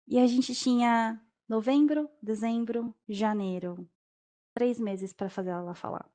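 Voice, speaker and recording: A woman's voice: fairly high pitch, a little slow. A young adult woman, a language teacher, telling a personal story in an interview and acting out the dialogue. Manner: lively, acts out dialogue with quoted voices.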